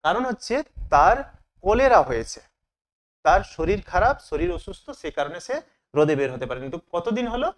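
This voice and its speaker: A man's voice: high-pitched, very animated, fairly quick, slight background noise. A man teaching as he works through exam questions, asking each question aloud and then answering it himself. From Bengal.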